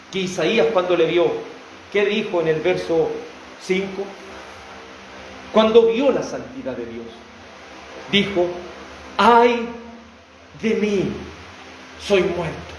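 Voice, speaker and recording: A man's voice: sits high, lively intonation, unhurried, long pauses, slight background noise. A man preaching a sermon in an earnest, emphatic way, stretching key words. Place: church hall. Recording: echoey room, voice from far off.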